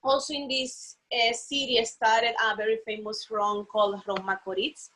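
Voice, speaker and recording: A woman from the Dominican Republic talks in English with a Dominican Spanish accent. Her voice sits a little high, and she chats loosely, filling gaps with "you know" and "like." It sounds like a video call. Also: flat delivery, normal speed, fairly bright tone, slight background noise. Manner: chatty, peppers speech with "you know" and "like". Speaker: guest. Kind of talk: casual chat. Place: San Pedro de Macorís.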